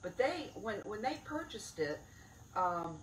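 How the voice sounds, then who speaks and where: A woman's voice: mid-range voice, big pitch swings, unhurried, a little hiss or hum. An older woman giving a chatty, digressive talk at a lectern mic outdoors, stressing key words as she goes. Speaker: cave director giving a talk. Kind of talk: informal public talk. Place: outdoor event under a tent near woods. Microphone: stand mic at a lectern. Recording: roomy outdoor sound from a distant camera.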